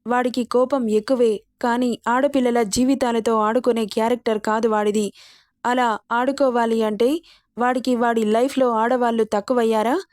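An indignant middle-aged mother who fiercely defends her son and scolds, as a woman narrator puts her on. The voice is a bit high and dry. It is a storybook reading. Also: fairly even intonation, normal speed, darkish tone, no room sound, natural voice. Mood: scolding, indignant.

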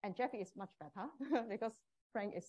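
A woman's voice: mid-range voice, a little fast, darkish tone. A woman with a Cantonese accent, a non-native English speaker with small grammar slips, gives a live presentation as a professor. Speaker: professor teaching a communication course. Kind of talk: live presentation to prospective students.

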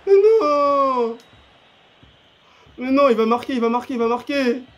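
A young man commentating his own football video game match, excitable and slangy, repeating himself and breaking into shouts and laughs. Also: very high voice, unhurried, muffled recording. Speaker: gaming YouTuber. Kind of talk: live gameplay commentary.

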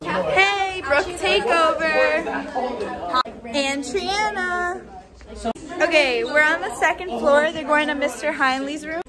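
A young woman with a high voice, talking slowly. She banters and jokes while touring her school for a vlog. It is captured on a phone with people chattering around her. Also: a loud crowd. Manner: jokey, laughing asides. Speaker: graduating senior on a school tour. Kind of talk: casual vlog chat. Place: school campus, partly outdoors.

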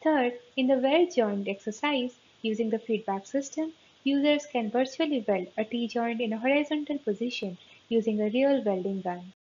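A woman's voice: on the high side, normal speed, a little mellow. Woman reading a scripted research talk. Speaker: research presenter. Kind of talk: scripted conference talk narration. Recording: slightly dull, faint hiss.

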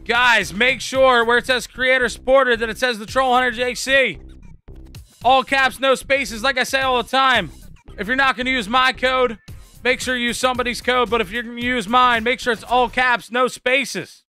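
A man streaming a game live, talking to his chat and friends in excited, hyped-up commentary. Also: extremely high pitch, normal speed, clear, resonant tone, faint music behind.

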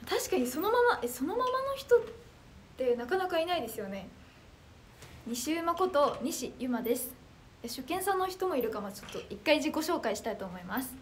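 A young woman hosting a casual livestream and answering her viewers' comments. Her voice is high and anime-like, loud and clear enough to carry easily. She reacts to each comment in a bubbly, excitable way. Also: fast talker, slight background noise.

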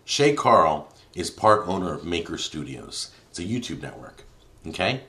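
A deep-voiced man hosting a live stream from a home studio. He talks in a loose, opinionated way, pushing hard on some words and then dropping to a mutter as he scrolls through viewer comments. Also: very animated, normal speed. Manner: opinionated, emphatic, swings between loud and muttering. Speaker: YouTube cooking show host.

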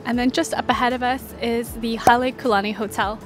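A woman hosts a travel vlog, narrating a walking tour and pointing things out in an orderly, casual, informative, conversational way. Her pitch is fairly high, her intonation fairly even, and she talks a little fast. Soft music plays in the background.

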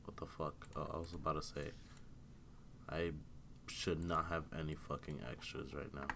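Muttering and swearing often while playing, a young gaming streamer gives casual live commentary on a headset mic from a room at home by his computer. His very deep, creaky voice barely shifts in pitch and moves at a moderate pace, congested from a cold and sore throat, with background noise behind him. He's laid-back and talks to himself.

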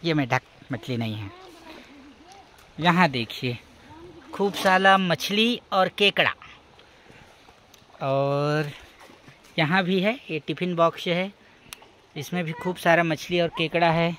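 High-voiced man narrating a stream walk. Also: takes it slowly, pauses often, fairly bright tone, a little hiss or hum. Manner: explanatory, points things out to the viewer. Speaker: vlogger. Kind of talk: walking vlog narration. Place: outdoors at a rocky forest stream.

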